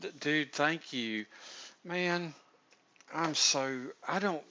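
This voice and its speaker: A man's voice: on the high side, drawn-out words, sharp tone, a little hiss or hum. A man with a Southern accent hosting a casual livestream chat, rambling and cutting himself off as ideas come to him. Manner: rambling, self-interrupting, laughs at own ideas. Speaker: livestream host. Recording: dull lo-fi stream audio.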